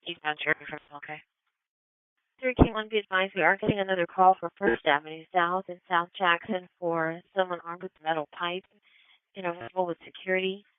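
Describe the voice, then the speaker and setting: A woman's voice: on the low side, steady tone, fairly quick, smooth, dry recording. Woman dispatcher over police radio. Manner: terse, procedural, reads out codes and addresses. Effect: police radio transmission. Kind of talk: clipped dispatch radio calls. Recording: narrow-band scanner radio, dry.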